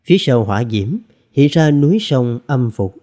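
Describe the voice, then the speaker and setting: A man narrating a fantasy novel as an audiobook reader, with expressive storytelling. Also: mid-range voice, moderate pace.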